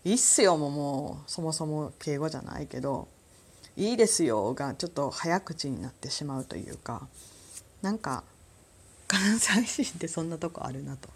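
A woman from Kansai with a Kansai accent, hosting a casual solo talk show, chatty and quick to laugh. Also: deep voice, husky. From Kansai, Japan. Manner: chatty, laughs often, lively sound words. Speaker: podcast host.

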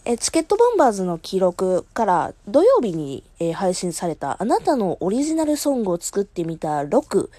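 A woman's voice: medium pitch, a little mellow, no room sound. A woman with a Kansai accent hosting a casual solo podcast, chatty and teasing, laughing often as she talks into a phone app. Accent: Kansai Japanese. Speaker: podcast host.

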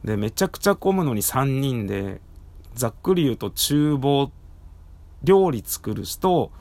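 A man with a hoarse, worn-out throat chatting casually on his own as a podcast host, speaking slightly muffled through a face mask. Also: mid-range voice, sing-song, a little slow, a little mellow, no echo. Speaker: podcast host and live streamer. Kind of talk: casual solo talk. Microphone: recorded through a face mask.

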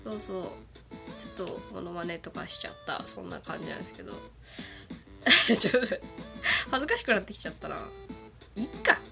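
A woman's voice: fairly low pitch, lively intonation, fairly quick, gravelly, pauses often, music in the background. A woman in her thirties hosting a casual solo radio chat, giggly and chatty, sniffling with a cold. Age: 30s. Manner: giggly, chatty, doing cartoon character impressions. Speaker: radio show host.

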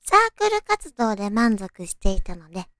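A woman radio host with a naturally cute, high anime-girl voice, talking sweetly to listeners and reading out stories in a girlish way. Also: sing-song, normal speed, a bit bright, no echo, clean studio sound. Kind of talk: soft-hearted radio talk and read-out listener love stories.

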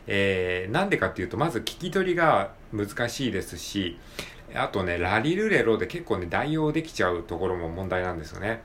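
A man hosting his own podcast, talking alone in a polite, relaxed way with many drawn-out fillers. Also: lowish voice, a little hiss or hum. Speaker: podcast host. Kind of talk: casual solo podcast talk.

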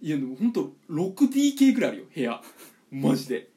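A young man co-hosting a casual podcast chat, telling an animated story and acting out the quotes. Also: on the high side, quick pace. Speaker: podcast co-host.

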